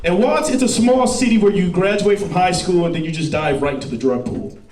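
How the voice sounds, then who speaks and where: A man's voice: high voice, fairly quick, a little mellow, echoey room, far from the mic. A man doing a stand-up routine on a club stage, telling stories in a playful, self-mocking way. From Los Angeles, US. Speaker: stand-up comedian.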